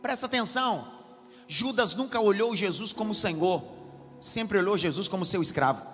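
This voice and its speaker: A man's voice: sits high, animated, moderate pace, a bit bright. A man, a pastor preaching a sermon, often repeating his lines as he builds intensity. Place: church hall. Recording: hall reverb with faint music.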